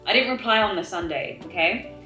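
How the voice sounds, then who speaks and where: A young woman telling a story to viewers in a casual, animated, emphatic way, with exasperated rhetorical questions and drawn-out words. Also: fairly low pitch, roomy sound, soft background music. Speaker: storytime vlogger eating on camera.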